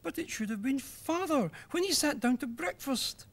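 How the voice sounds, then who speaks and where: A British man reading a children's story aloud in a lively, expressive way. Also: very high voice, moderate pace.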